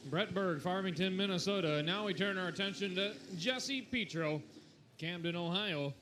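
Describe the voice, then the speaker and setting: A man announcing a tractor pull live, with showy, drawn-out calls and repeated numbers. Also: high voice, a bit bright, slight background noise. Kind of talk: live motorsport announcing over a PA.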